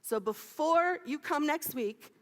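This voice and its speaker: A woman minister in her fifties preaches with a high, lively voice that swoops up and down. She is playful and quick to laugh, throwing questions out to the congregation. Her words ring out with a long reverb through a large sanctuary. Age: 50s. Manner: animated and playful, laughing often, calling out to the congregation. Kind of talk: sermon. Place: church sanctuary.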